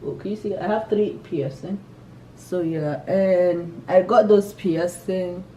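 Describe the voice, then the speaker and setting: A young Nigerian woman of Igbo origin, from Imo State, chats through a vlog tag list, giggling and often restarting her sentences. Her voice is on the low side and warm, slow, with fairly even intonation. The recording is rough, with a distant mic and slight background noise.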